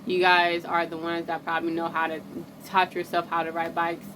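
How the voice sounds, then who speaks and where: A woman's voice: fairly low pitch, completely flat delivery, moderate pace, noisy background. A woman vlogging about astrology in loose, slangy casual chat, often breaking off and restarting. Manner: loose and rambling, breaks off and restarts, laughs at herself. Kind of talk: casual rambling chat to camera.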